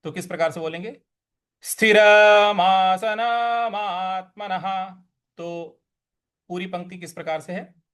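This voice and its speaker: A man teaching the recitation of Sanskrit verses, chanting each line slowly and then explaining the pronunciation. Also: high voice, flat delivery. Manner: slow chanting of verses between quick spoken explanations.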